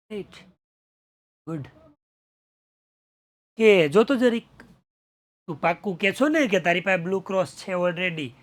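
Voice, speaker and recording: A man's voice: high-pitched, a bit bright, a little hiss or hum. A young man teaching a class, explaining a story with dramatic retellings and switching between languages.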